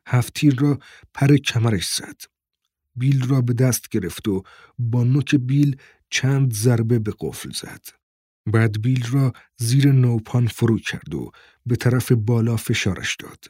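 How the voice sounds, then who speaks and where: Husky-voiced male audiobook narrator. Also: medium pitch, dry recording, studio quality. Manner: steady, measured, descriptive reading. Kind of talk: scripted narration.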